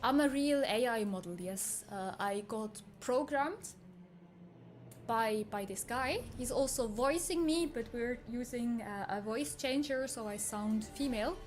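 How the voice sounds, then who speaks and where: Through a voice changer that turns him female-sounding, a man streams as a sarcastic, teasing AI avatar in chatty conversation with viewers. His pitch is extremely high and he speaks a little slowly, with slight background noise and a faint game soundtrack underneath.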